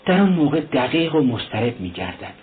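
A man's voice: mid-range voice, big pitch swings, close to an everyday voice. A man doing an earnest, worried young friend. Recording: tinny lo-fi recording, faint hiss.

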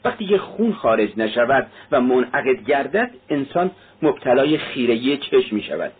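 A blunt young servant woman, read by a male narrator in a slightly raised voice, speaking flatly and matter-of-factly. The voice is husky and comes through a tinny, phone-like line. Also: medium pitch, pitched above the performer's own voice.

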